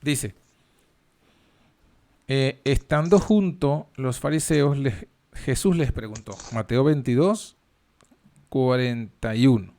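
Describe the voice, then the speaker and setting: A man teaching a Bible study, reading verses aloud and then explaining them with frequent pauses and fillers. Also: medium pitch, warm tone.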